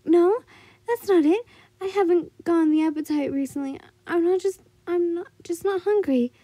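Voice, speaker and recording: Timid, weakened young warrior woman for a story read by a female narrator, high, very soft-toned, apologetic. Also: normal speed, no echo. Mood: nervous, evasive. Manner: meek, apologetic.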